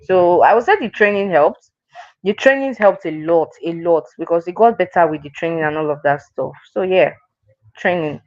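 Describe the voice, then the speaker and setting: A woman's voice: fairly low pitch, moderate pace, darkish tone, no echo, muffled recording. A woman from Nigeria's Delta region, a chatty interview guest who restarts her phrases and laughs often. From Delta State, Nigeria. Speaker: guest, sales closer. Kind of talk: casual interview chat.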